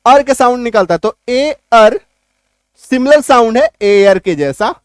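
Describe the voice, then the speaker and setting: A man teaching an English spelling lesson, explaining step by step, spelling words out slowly and loudly, and often asking whether the class is following. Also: very high voice, lively intonation, smooth, dry recording, studio quality. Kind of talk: spoken language lesson.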